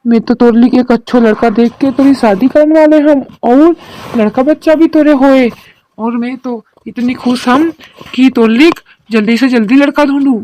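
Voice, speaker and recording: A woman's voice: high-pitched, moderate pace, warm tone, slight background noise, lightly acted, poor audio. A woman voicing a worried rural mother-in-law in a cartoon drama, talking in a homely village dialect. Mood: consoling.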